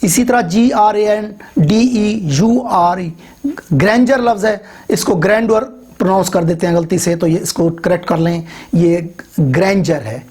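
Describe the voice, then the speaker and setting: A middle-aged man teaching English pronunciation in a video lecture, slowly spelling out words letter by letter with frequent hesitant fillers. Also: high voice, a little mellow, breathy edge.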